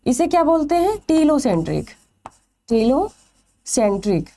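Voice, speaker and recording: Woman, biology teacher, lively high voice with a mellow tone, quizzes the class and answers herself. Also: unhurried, a little hiss or hum. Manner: asks questions then answers them herself, stretching key terms. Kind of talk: exam-prep lecture.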